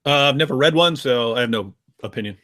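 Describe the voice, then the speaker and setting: A man speaking as a guest on a live-stream discussion, emphatic and argumentative with quick asides. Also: mid-range voice, sharp tone, no echo.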